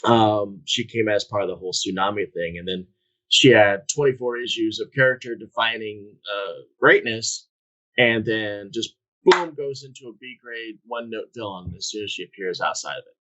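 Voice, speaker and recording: Male co-host, lowish bright voice, blunt and rambling, casual chat. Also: normal speed, poor audio. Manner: candid, swears casually, meandering with fillers. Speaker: podcast co-host. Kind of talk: casual chat about comics.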